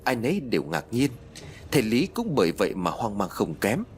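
A man narrating a ghost story audiobook in a dramatic, expressive storytelling manner. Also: fairly low pitch, fairly quick, a little hiss or hum.

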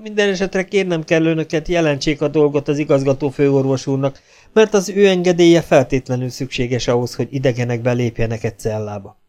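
A man's voice: mid-range voice, darkish tone, soft background music, close to an everyday voice. A man reading an audiobook, voicing a courteous, formal asylum doctor. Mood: polite. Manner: polite, formal.

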